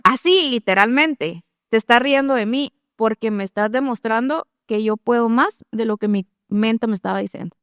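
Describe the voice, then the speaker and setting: A woman, telling her testimony in an animated, conversational way and acting out her own thoughts. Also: a little high, moderate pace, few pauses, no echo, clean studio sound. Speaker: guest sharing testimony.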